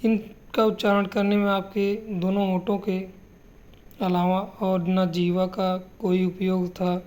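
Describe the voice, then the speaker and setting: Woman, teacher, grammar lesson, unhurried, mellow tone, rhetorical questions, repeats sounds. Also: mid-range voice, little pitch movement. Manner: asks rhetorical questions and answers them; repeats sounds slowly for students to copy.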